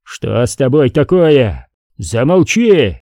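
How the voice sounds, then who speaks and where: A man voicing a brutish, short-tempered submarine pilot who barks his words slowly. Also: fairly high pitch, sing-song, vocal fry, dark tone, dry recording, studio quality, pitched above the performer's own voice, full character voice. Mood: angry. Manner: barking, slow and heavy.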